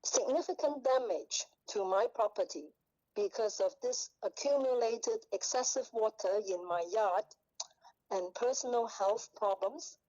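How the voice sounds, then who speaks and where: A woman's fairly high voice comes through a speakerphone held up to a microphone, dulled and boxy. She reads a formal statement as a neighbor at a hearing, slowly and with many hesitant fillers and restarts. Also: dark tone, dull audio. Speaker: neighbor giving testimony at a public hearing.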